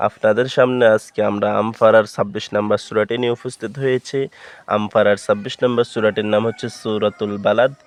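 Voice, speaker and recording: A man teaching Quran reading, naming each letter and vowel mark, then chanting the verse slowly. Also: lowish voice, flat delivery, smooth. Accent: Bangladeshi Bengali. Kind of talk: slow spelling-out recitation lesson.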